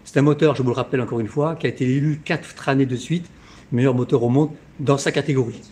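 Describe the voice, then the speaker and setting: A man giving a live infomercial sales pitch as a car dealership presenter, with emphatic hard-sell patter that repeats key figures. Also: steady tone, quick pace, dark tone. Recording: clear background noise on location.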